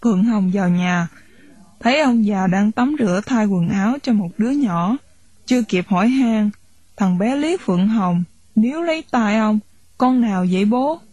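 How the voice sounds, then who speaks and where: Husky woman reading a novel. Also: mid-range voice, moderate pace, dry recording. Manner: steady storytelling, shifting into character voices. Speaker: audiobook narrator.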